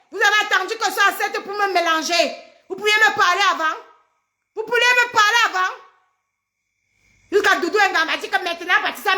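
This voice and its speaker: A middle-aged pregnant woman, ranting angrily on a live stream, trading insults and mocking her rivals. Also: very high voice. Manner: shouting insults, mocking, repetitive. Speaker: social media personality. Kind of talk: angry live-stream rant.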